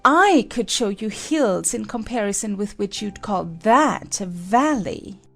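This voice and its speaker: A woman's voice: mid-range voice, expressive, measured pace, creaky, fairly bright tone, faint music behind, full character voice. A woman playing a haughty, bossy chess-piece queen in a dramatized children's audiobook, with an imperious, correcting manner. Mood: haughty, boastful.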